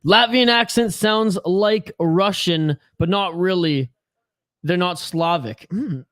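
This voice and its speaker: This is casual live-stream chat from a young Canadian man hosting hockey, his fairly high voice a bit bright and his pace slow. He swears, talks loosely, and replies to viewers' comments out loud, recorded close and dry without any echo or room sound.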